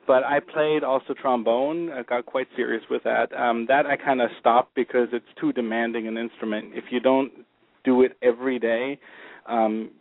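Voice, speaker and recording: Composer on tinny radio. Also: male voice, mid-range voice, steady tone, moderate pace, no room sound. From Germany. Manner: thoughtful, hesitant, many restarts. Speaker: film composer. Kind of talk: radio interview. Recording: tinny phone-like radio audio.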